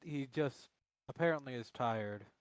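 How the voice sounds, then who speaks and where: A male player in a tabletop game tosses in quick, quiet comments at a middle pitch. The sound is dry, as if close to the mic. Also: no echo, rough recording. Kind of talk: casual play chat.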